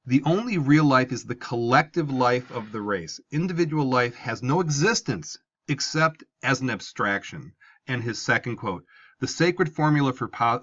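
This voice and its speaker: A man's voice: medium pitch, fairly bright tone, muffled recording. A male teacher giving a conversational lecture to his class, explaining ideas step by step. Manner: explanatory, conversational, asks for an open mind.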